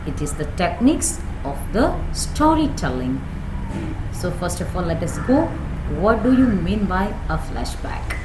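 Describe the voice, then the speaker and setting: In a children's English lesson, a female teacher reads aloud and explains, going slowly and deliberately and putting checking questions to pupils. Her voice is mid-range, and the recording, made in a small plain indoor room, has a roomy echo and faint background noise.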